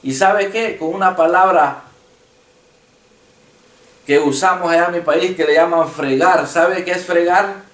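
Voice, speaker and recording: Man, pastor, impassioned sermon, high voice, reverberant church, distant mic. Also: unhurried, long pauses, fairly bright tone. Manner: impassioned preaching with retold dialogue.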